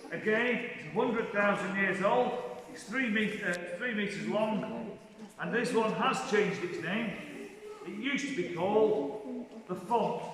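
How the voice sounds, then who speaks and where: A man with a high-pitched voice works as a cave guide, explaining things to his group with deliberate pauses. His voice rings off the rock with heavy echo and a long reverb, picked up from a distance. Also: fairly bright tone, slight background noise. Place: inside a large show cave. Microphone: camera among the visitors, away from guide. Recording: echoey cave, distant mic, group chatter.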